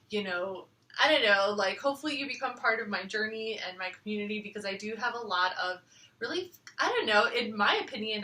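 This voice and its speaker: Bright-voiced woman tarot reader, echoey room. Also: medium pitch, far from the mic. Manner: rambling, relaxed, many fillers. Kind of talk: casual chat. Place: living room floor at home.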